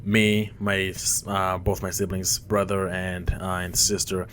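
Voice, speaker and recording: Low-voiced young man hosting a podcast. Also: level tone, fairly bright tone, a little hiss or hum. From Rwanda, raised in Mozambique. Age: 20s. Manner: halting, many fillers and restarts. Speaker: podcast host. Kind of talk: casual solo monologue. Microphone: headphones on, podcast mic.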